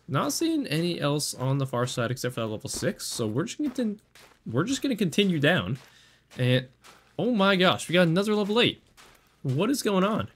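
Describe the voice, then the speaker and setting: A man giving casual, excitable commentary while he plays a hunting game, talking to himself as he lines up shots. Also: medium pitch, a little hiss or hum. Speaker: gaming channel host.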